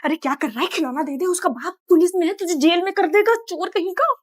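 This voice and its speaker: High-pitched woman doing comic sketches. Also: fast talker. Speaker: sketch comedian. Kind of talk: comedy sketch acting.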